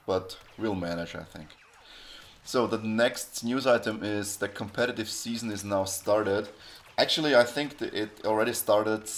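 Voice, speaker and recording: Rambling low-voiced podcast host, man. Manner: rambling, frequent restarts and self-corrections. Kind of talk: casual podcast chat.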